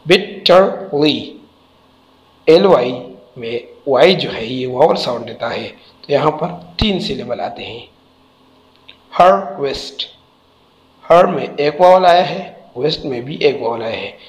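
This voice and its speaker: A man's voice: medium pitch, poor audio. A man teaching a textbook lesson, spelling out letters and repeating each word carefully.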